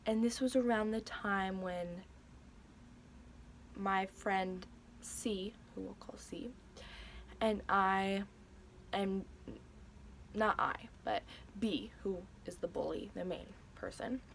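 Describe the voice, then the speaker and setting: A woman's voice: mid-range voice, takes it slowly, vocal fry, pauses often, a little hiss or hum. A young woman telling a personal story in a vlog, hesitant and emotional, with many fillers and restarts. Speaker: vlogger.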